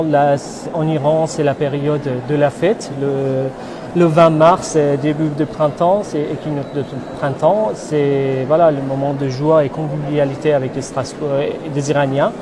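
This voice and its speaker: A man from the organizing association answering interview questions, hesitant with many fillers. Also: on the high side. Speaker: association member. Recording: noticeable background noise.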